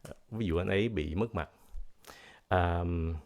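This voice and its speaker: His voice sits low and sounds a little mellow as he works through English vocabulary, switching into Vietnamese along the way. The American teacher goes slowly and repeats each pronunciation.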